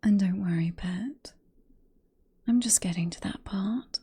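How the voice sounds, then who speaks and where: In a soft, breathy whispered ASMR roleplay, a British woman plays a possessive, seductive vampire professor who coaxes and teases with condescending affection. Her voice sits at medium pitch and moves at a measured pace.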